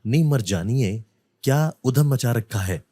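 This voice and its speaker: A man's voice: mid-range voice, animated, slow pace, dark tone, breathy edge, no echo. A man doing a grumbling lazy beggar husband. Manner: grumbling, dismissive. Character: lazy, indifferent middle-aged beggar husband.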